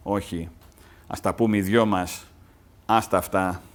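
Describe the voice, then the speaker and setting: A man's voice: low-pitched, fairly even intonation, voice pushed down, close to an everyday voice. A man reading the part of a restless young man who is evasive and tender toward his dying mother. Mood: gentle. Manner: read aloud from a play translation.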